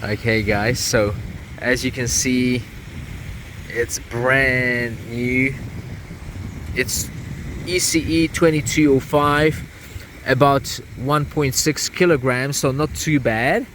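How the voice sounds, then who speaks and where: A man giving a casual product review to camera outdoors, speaking haltingly in short phrases. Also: medium pitch. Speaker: vlogger reviewing motorcycle gear. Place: outdoors by a creek. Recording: outdoor ambient noise behind voice.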